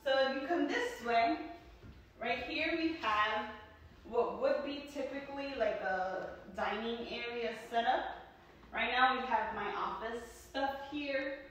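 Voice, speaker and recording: A New York woman with a fairly high, fairly bright voice and measured pace gives a casual walking vlog tour of her sparsely furnished new house, filling her chat with ums and likes. She's off-mic and distant, the bare rooms echo, and there's slight background noise.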